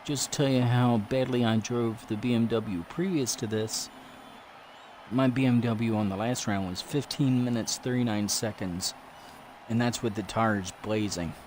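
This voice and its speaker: A man's voice: medium pitch, a little slow, a little mellow, slight background noise. A man in his fifties chatting casually to his live stream audience while playing a racing game. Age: 50s. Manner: chatty, rambling, talks to live chat. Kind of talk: casual gameplay commentary.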